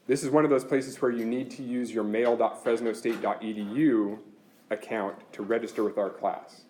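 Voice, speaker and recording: A man's voice: medium pitch, steady tone, moderate pace, darkish tone, slight background noise. Man lecturing a class step by step. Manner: explaining step by step, practical and chatty. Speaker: university instructor.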